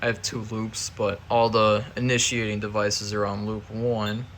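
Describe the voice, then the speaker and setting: Man, casual demonstration commentary, unhurried pace, informal step-by-step narration, faint background noise. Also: lowish voice, flat delivery, fairly bright tone. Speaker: fire alarm hobbyist demonstrator.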